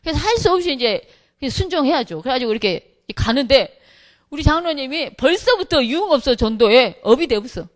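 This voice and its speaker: A middle-aged woman, a pastor's wife, telling a humorous church testimony with lively storytelling, acting out what others said. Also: high voice, a little fast. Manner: lively storytelling, acts out quotes, laughs often.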